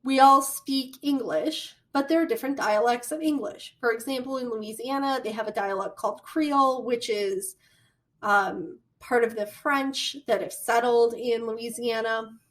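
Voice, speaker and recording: A woman with a Midwestern American accent giving a recorded college lecture, chatty and animated, with storytelling asides. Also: on the high side, unhurried. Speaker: college communication instructor.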